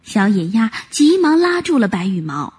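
A woman narrating a children's story in an expressive, animated way. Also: medium pitch, normal speed, slightly rough.

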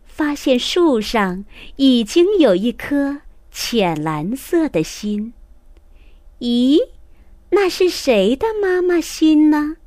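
Woman reading a kids story, high voice, slow and careful. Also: no room sound, clean studio sound. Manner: slow, clear, expressive read-aloud.

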